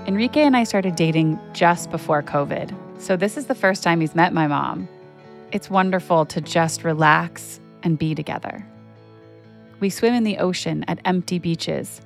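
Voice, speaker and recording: Woman podcast host, low gravelly voice, reflective personal narration, soft music under it. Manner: intimate, reflective storytelling.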